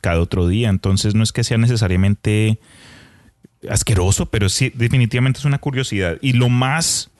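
A man's voice: lowish voice, fairly quick, no room sound, studio quality. A man, a podcast co-host telling stories in a casual, joking way. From Colombia. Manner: joking, storytelling with light asides. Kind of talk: casual chat.

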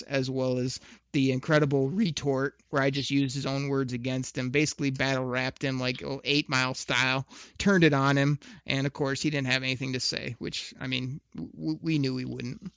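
A man hosting a sports podcast, giving loud, opinionated ribbing in a brash, mocking way. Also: medium pitch, smooth, no room sound. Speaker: podcast host.

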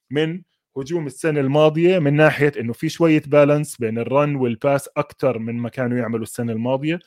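A man's voice: mid-range voice, a little mellow. A man with a Levantine Arabic accent giving casual, unscripted sports analysis, mixing English terms into his Arabic. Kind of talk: casual unscripted football commentary.

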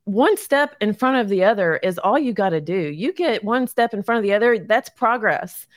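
A woman's voice: mid-range voice, expressive, normal speed, no echo, clean studio sound. A woman guest chatting casually in an interview, down-to-earth and encouraging, laughing often. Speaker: guest, realtor and short-term rental owner.

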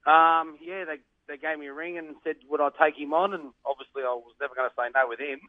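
A man's voice: fairly high pitch, fairly even intonation, fast talker. An Australian man with a plain, colloquial tradesman's way of talking, giving a casual interview as a greyhound trainer. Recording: narrow, muffled phone-line sound.

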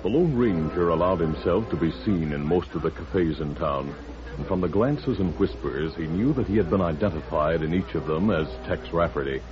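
A deep-voiced man narrates an old-time radio serial in a dramatic, deliberate style. His pitch moves expressively, and the recording is dull and lo-fi. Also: animated, over music. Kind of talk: 1940s radio scripted narration.

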